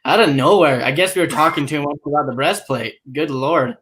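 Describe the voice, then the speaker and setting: Casual young man with a slightly high voice. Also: fairly quick, fairly bright tone. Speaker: podcast co-host. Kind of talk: casual podcast chat.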